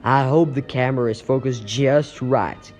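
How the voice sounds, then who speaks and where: A man playing a plucky, wisecracking young superhero in a comic dub, animated and quippy. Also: medium pitch, a little slow, faint music behind, lightly acted. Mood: scheming, pleased. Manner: quippy, animated, thinking aloud.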